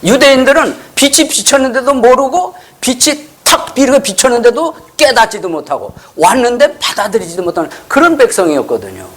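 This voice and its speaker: High, lively-voiced Korean pastor preaching. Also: male voice, a little fast, hardly any pauses. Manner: asks the congregation rhetorical questions; acts out the scripture dialogue in changing voices. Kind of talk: sermon. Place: church.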